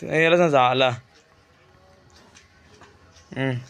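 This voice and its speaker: A man's voice: medium pitch, unhurried, a bit bright, clear, resonant tone. A man with an Egyptian Arabic accent giving casual Let's Play commentary, chatty and joking, talking back to the game's creatures. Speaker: gaming YouTuber.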